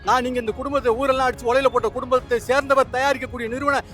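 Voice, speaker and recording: A man's voice: very high voice, flat delivery, rapid-fire, a bit bright, faint music behind. A man giving argumentative political commentary, firing off indignant rhetorical questions.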